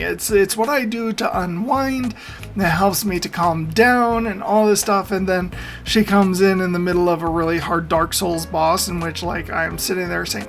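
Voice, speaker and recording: Man, gravelly, opinionated, rambling meme commentary, laughs a lot, faint music behind. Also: sits high. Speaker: meme reaction channel host. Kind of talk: casual commentary.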